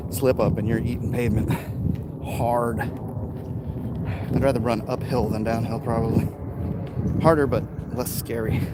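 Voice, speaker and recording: Walking uphill on hilly residential streets, this middle-aged American vlogger and artist talks to viewers in a mid-range voice, a bit out of breath. His rambling is casual, offhand and self-deprecating, and the noisy outdoor recording picks up clicks.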